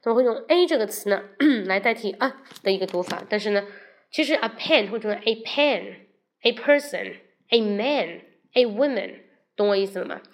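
A woman from China with a fairly high voice runs a relaxed livestream pronunciation lesson. She switches between Chinese and English and drags out words slowly so viewers can hear each sound. She talks straight to her audience and asks them for questions. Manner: addresses viewers directly and invites questions. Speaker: English teacher hosting a livestream.

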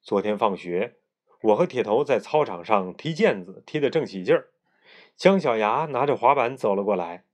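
A man reading a children's story aloud to a child at bedtime, in a lively, expressive way. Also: fairly low pitch, moderate pace.

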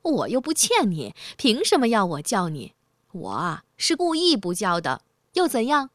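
Brief: woman putting on a cocky, shrill storybook mouse, small and sly, pitched high with a bouncy, lively lilt. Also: normal speed, no echo, clean studio sound. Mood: smug. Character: boastful sly little male mouse.

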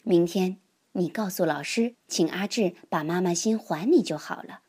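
A woman voicing a gentle mother in a storybook, speaking softly and tenderly. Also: normal speed, slightly rough. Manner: soft, low and tender. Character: gentle young mother comforting her child.

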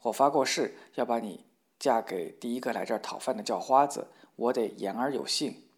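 A man's voice: medium pitch, moderate pace, natural voice. A man doing a stern old king. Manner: commanding. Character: stern old king keeping his oath.

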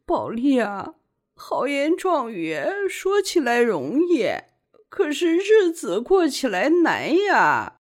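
A woman's voice: fairly high pitch, wildly swooping pitch, normal speed, voice pushed up. A woman voicing a blunt woman friend who scolds and pleads. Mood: pleading.

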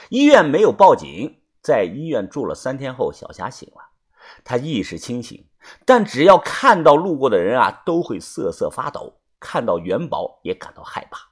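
A man's voice: mid-range voice, sing-song, moderate pace, husky. A man narrating a first-person story dramatically, stretching filler particles for effect.

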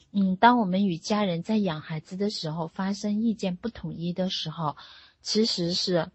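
A woman in her thirties talks through a parenting lesson in a gentle, chatty way. Her voice is a little breathy. The recording is dry and slightly dull. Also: lowish voice, no room sound. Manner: gentle, conversational, with soft tag particles. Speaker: parenting lecturer. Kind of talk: online parenting mini-lesson.

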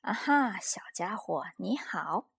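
A woman's voice: mid-range voice, big pitch swings, slow pace, vocal fry, fairly bright tone, slightly rough, heavily acted. A woman voicing a mischievous red monster in a storybook reading, bouncy and teasing with sudden roars.

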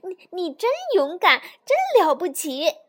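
A woman voicing a small, timid, excitable young male toad with a high, eager voice. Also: unhurried.

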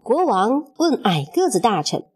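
A woman narrating a children's story in an expressive, measured storytelling manner. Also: a little high, breathy edge.

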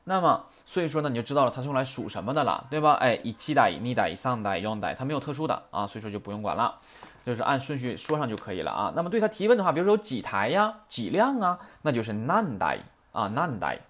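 A man's voice: mid-range voice, very animated, fast, a bit bright. A man teaching Japanese grammar in a chatty lecture, often asking rhetorical questions. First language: Mandarin.

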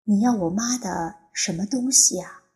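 A woman's voice: mid-range voice, a little slow, dark tone, lightly acted. A woman voicing an eager grown man courting a woman, pleading and easily flustered, in an audiobook. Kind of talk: audiobook character voice.

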